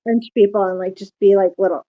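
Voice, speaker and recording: Speaking fast at a medium pitch with a steady tone, the female host keeps the casual chat going through long, rambling turns. Asides pile up in her chatty delivery, and the sound quality is dull and lo-fi.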